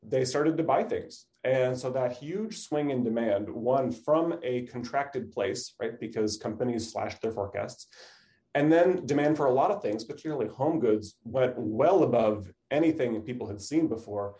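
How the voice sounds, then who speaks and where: A man's voice: medium pitch, moderate pace, dark tone. A man speaking as an expert guest in a radio interview, explaining things in an informal, conversational way. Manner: informal explaining, often checks with "you know" and "right". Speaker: academic supply chain expert, interview guest.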